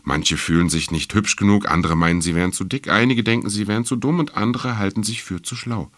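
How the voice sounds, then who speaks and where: A man voicing a wise, gentle fox. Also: fairly low pitch, brisk, no room sound, clean studio sound, lightly acted.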